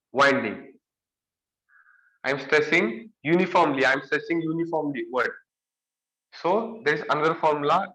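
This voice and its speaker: A man's voice: a little high, sharp tone, roomy sound, rough recording. A young man with a Marathi accent giving an exam-prep lecture, repeating key phrases and stressing words. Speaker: engineering lecturer.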